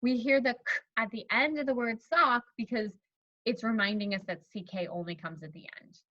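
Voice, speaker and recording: A woman teacher demonstrating a phonics lesson to an imagined student, encouraging and modeling words slowly. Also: fairly high pitch, sharp tone, no room sound. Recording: slightly dull, dry recording.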